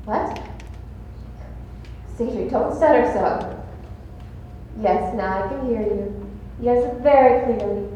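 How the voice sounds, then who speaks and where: High-voiced glamorous actress, all gush and swoon, a woman doing it on stage, big echoey hall. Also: takes it slowly, pauses often, dark tone. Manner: theatrical, breathy swooning delivery. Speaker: stage actor. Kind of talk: live community stage play. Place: large auditorium stage. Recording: echoey hall, faint room noise.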